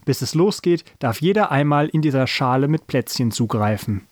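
Man doing a booming jolly baker auctioneer. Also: lively intonation, normal speed, a little mellow, dry recording, natural voice. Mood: hearty auctioneering. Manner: booming salesman calls. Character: loud jovial male baker running an auction.

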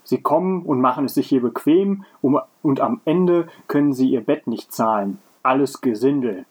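Man reading as a gruff, grumbling innkeeper, husky tone, storybook reading. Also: mid-range voice, moderate pace, darkish tone, natural voice. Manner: grumpy, curt. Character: grim, gruff innkeeper played by a boy.

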